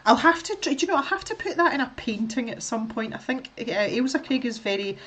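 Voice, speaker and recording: A woman's voice: high-pitched, very animated, fast, fairly bright tone. A middle-aged woman with a Scottish accent chatting casually to viewers while she colours, rambling and laughing often. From Scotland. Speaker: art streamer.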